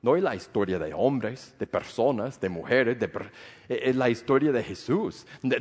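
A man's voice: medium pitch, darkish tone, in a large hall. A man preaching a sermon as pastor, earnest and full of rhetorical questions.

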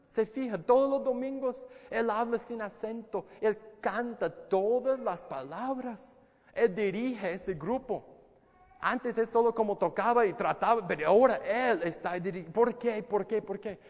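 A man's voice: sits high, unhurried. Man preaching in a reverberant church hall. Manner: repeats words, many rhetorical questions. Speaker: pastor. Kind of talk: sermon.

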